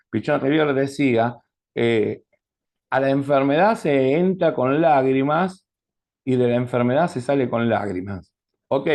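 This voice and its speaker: A man with a Rioplatense Argentine accent gives a relaxed classroom lecture. His voice is gravelly and sits at a middling pitch. He keeps turning to the students with quick check-in questions. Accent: Rioplatense Spanish. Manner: conversational, asks the class frequent check questions. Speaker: teacher.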